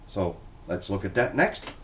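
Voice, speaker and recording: A guitar reviewer in a low, expressive voice takes a measured pace through a casual product walkthrough. He handles the guitar inspection in a folksy, plainspoken way, explaining each check step by step.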